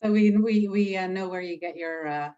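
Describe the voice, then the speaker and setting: A woman hosting an interview, gentle and unhurried with many fillers, reading out audience comments. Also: on the low side, muffled recording. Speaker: host and interviewer.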